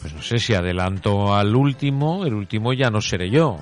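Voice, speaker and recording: A man's voice: on the low side, normal speed, faint music behind. Guy hosting radio, jokey, voice swoops up and down a lot. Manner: jokey, teasing, animated. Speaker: radio host. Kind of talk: casual radio chat.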